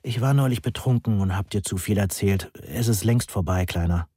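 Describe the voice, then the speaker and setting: A man voicing a flustered young woman who talks softly and sometimes whispers. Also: fairly low pitch, moderate pace, slightly rough, no echo, studio quality. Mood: dismissive. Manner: soft, whispering.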